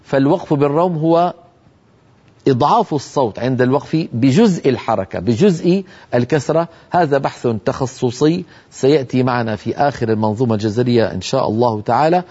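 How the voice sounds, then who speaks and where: A man's voice: mid-range voice, husky. Man teaching Quran recitation, dull lo-fi sound. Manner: explains calmly, then chants Quranic examples slowly. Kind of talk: televised tajweed lesson. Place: television studio.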